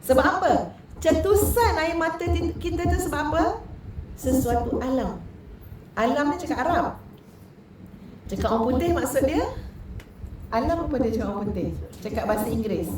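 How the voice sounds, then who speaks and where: A Malaysian woman teacher preaches in a high, bright voice and keeps turning questions back to her listeners. Her voice is picked up from a distance and rings around a very echoey hall, with faint noise underneath. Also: moderate pace, long pauses. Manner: lively and conversational, questioning the audience. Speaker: female religious teacher. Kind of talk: religious talk to a women's audience.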